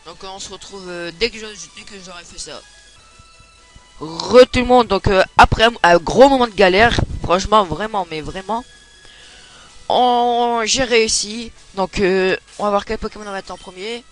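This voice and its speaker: A young man with a fairly high voice talks his way through a game in a loose, chatty manner. He swears when a fight goes wrong. Soft game music plays under his voice. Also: normal speed, low-quality recording. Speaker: let's play gamer. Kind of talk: casual gameplay commentary.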